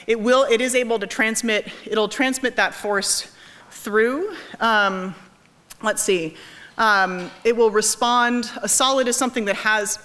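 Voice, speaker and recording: A physics professor from New England gives an informal lecture to a general audience from a large auditorium stage. Her voice is somewhat high-pitched with a New England American accent. She explains with animation, often doubling back with false starts to correct and rephrase herself.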